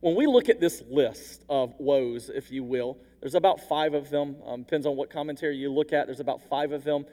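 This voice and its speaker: A man preaching a sermon as a pastor, moving between quiet intimate passages and loud emphatic ones. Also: on the high side, brisk, few pauses, in a large hall.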